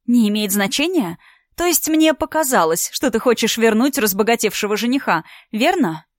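Lady doing a snide jealous bride, 30s, pitched up and loud, dry close sound. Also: expressive, normal speed, dry recording, lightly acted. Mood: taunting. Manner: sneering, sarcastic, theatrical. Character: spiteful, mocking woman in her thirties, jealous bride-to-be.

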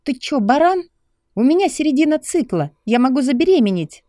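A man putting on a sharp, indignant young woman. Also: very high-pitched, sing-song, brisk, dry recording, studio quality, pitched above the performer's own voice. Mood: furious. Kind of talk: audiobook character voice.

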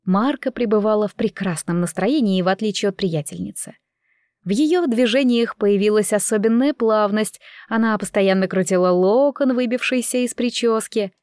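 Casting: woman audiobook narrator, even literary reading, mid pitch, dry studio sound with no room echo. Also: moderate pace. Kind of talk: scripted narration.

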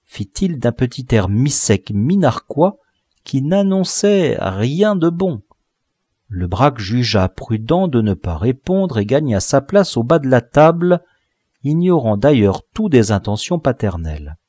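A man reading a classic novel aloud as an audiobook narrator, in an expressive storytelling manner. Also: medium pitch, a little slow, slightly rough, no echo, studio quality.

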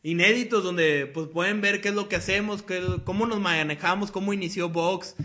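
A man's voice: high-pitched, normal speed, background noise. A young man with a Mexican accent hosting a casual podcast, talking in a loose, rambling way full of slang and swearing. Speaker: podcast host.

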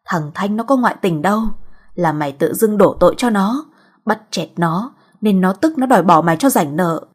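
A woman's voice: mid-range voice, animated, moderate pace, breathy edge. Woman voicing an angry scolding mother. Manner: shouting, harsh scolding.

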